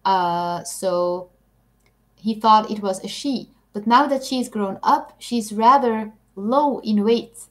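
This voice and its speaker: A young woman with a Belgian Dutch accent chats unhurriedly in English on a casual live stream, reading out comments. Her voice sits at a middle pitch and moves at a leisurely pace, and she giggles easily and is quick to tease herself.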